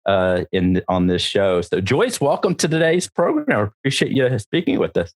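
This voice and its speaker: Man, lowish voice, friendly host, casual questions. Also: big pitch swings, normal speed. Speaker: podcast host. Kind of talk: casual interview.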